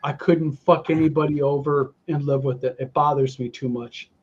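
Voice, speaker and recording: Fifties male host, blunt and emphatic, slightly high voice, dull lo-fi audio. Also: fairly even intonation, normal speed, a little mellow, husky. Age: 50s. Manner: blunt, emphatic, swears freely. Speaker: podcast host reading viewer mail. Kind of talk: casual chat.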